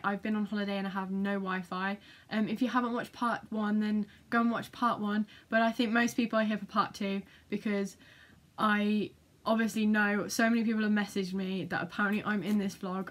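Girl chatting to her channel, lots of ums, easygoing, mid pitch. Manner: chatty, apologetic, with frequent ums. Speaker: channel host reacting to a video. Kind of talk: casual chat to camera.

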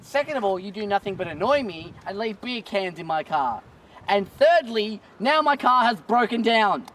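A man playing a fed-up driver in an amateur comedy sketch, scolding his friends and shouting often. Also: high voice, very animated, normal speed. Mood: irritated. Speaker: driver of the car. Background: loud music.

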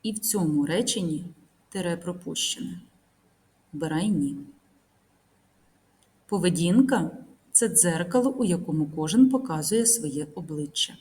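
A woman teacher narrating a recorded grammar lesson, reading example sentences slowly and carefully. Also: lowish voice, animated, dark tone. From Ukraine.

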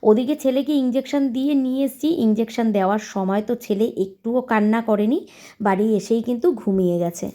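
A woman's voice: fairly high pitch, fast, dark tone. A woman in her thirties, a homemaker from West Bengal, chatting casually to camera at home and giving viewers a running account of her day. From West Bengal, India. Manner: chatty, talks straight to viewers, running commentary on chores. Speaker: homemaker vlogger.

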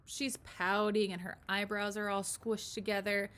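Sitting indoors in a small room at home, a woman in her twenties who teaches pre-K reads a picture book to young children, keeping her explanations simple and expressive and posing questions. She speaks unhurriedly in a mid-range, fairly bright voice with little pitch movement.

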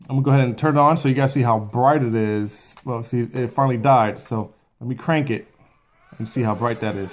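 This thirtysomething man has a medium-pitched, somewhat dark voice. Filming from a small furnished room in his home, he addresses the camera as a video host, offering an informal and straightforward product review.

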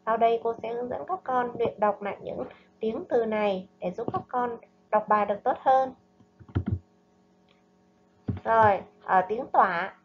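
A primary school teacher narrates a recorded reading lesson over slides for small children, reading and drilling slowly, carefully and with every syllable clearly enunciated. Her voice is a little high. The voice-over sounds slightly muffled and lo-fi, with a little hiss or hum.

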